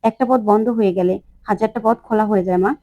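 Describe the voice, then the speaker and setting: A woman's voice: mid-range voice, fairly even intonation, fast, dark tone, natural voice. A woman voicing a motherly woman in a retold family serial, questioning and reproachful. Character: motherly woman, sharp-tongued when crossed.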